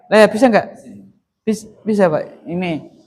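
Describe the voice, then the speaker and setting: Lively teacher quizzing a class. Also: male voice, high voice, a little slow, a little hiss or hum. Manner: lively questioning, quizzes the class call-and-response. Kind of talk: classroom grammar lesson.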